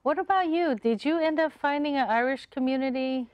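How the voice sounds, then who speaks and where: A woman's voice: sits high, fairly quick, dry recording, highs cut off. A woman born in Taiwan and raised in Denver hosting a casual conversation, curious and asking follow-up questions. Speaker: host.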